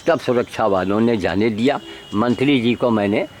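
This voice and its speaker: A man's voice: on the low side, normal speed, a little hiss or hum. An older man filming his own garden outdoors on a handheld camera, rambling in a blunt, emphatic way and tossing out rhetorical questions. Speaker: vlogger showing his garden. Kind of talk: rambling self-filmed commentary. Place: outdoors among trees and plants. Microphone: handheld camera mic.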